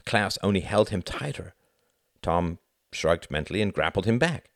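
Deep-voiced, expressive male narrator. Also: moderate pace, no room sound, clean studio sound. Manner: expressive storytelling reading. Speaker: audiobook narrator. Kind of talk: scripted narration.

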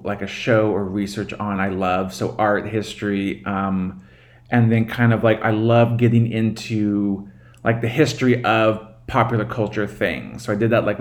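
A man chatting casually as a podcast guest, rambling and enthusiastic. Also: fairly low pitch. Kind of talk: casual chat.

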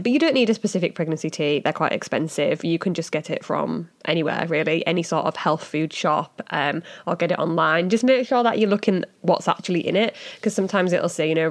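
Casting: female podcast host, Hull accent, slightly low voice, chatty and informal explainer. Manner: chatty, informal, hedging asides. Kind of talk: casual explanatory podcast talk.

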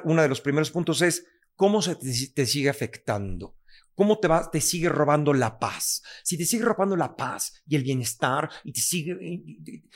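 A man with a Mexican accent, a podcast guest who speaks bluntly, swears freely and acts out other people's lines. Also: on the high side. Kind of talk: candid podcast conversation.

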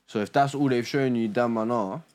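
A man's voice: medium pitch, brisk, a little mellow. A man with a London roadman accent explaining his view casually in slang, often checking that he is understood. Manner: peppers talk with tags like a check for agreement.

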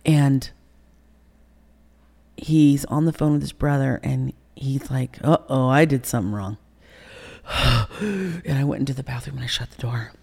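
Gravelly-voiced woman telling a raw story. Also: a bass voice, unhurried, pauses often. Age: middle-aged. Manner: emotional, profane, re-enacts quotes with sudden loud bursts. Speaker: interview guest. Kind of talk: candid storytelling interview.

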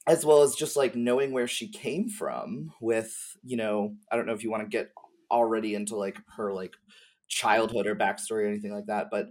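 This podcast guest has a lowish, slightly mellow voice with fairly even intonation and a normal pace. He rambles casually through game lore, using slang and plenty of hedges.

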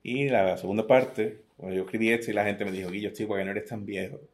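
This middle-aged poet, who has an Andalusian Spanish accent, talks fast in a low voice with fairly even intonation. During the interview he jokes self-deprecatingly, reads his sonnets aloud, and restarts words often.

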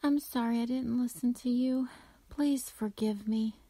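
A woman voicing a curious young girl in a storybook, speaking softly and slowly in a light, wondering tone. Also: fairly high pitch, steady tone, rough recording. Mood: timid. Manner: soft, slow, wondering.

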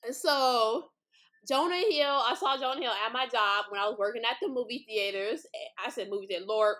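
Young woman, podcast host, casual storytelling, profane, excitable, sharp bright tone. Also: a little high, moderate pace. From Los Angeles.

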